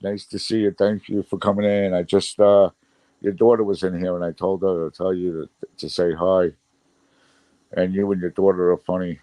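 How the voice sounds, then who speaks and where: A middle-aged man with a Brooklyn, New York accent hosts a livestream, casually reading chat and rambling with frequent laughs. His voice sits low and dark, with a level tone and moderate pace. There's no echo.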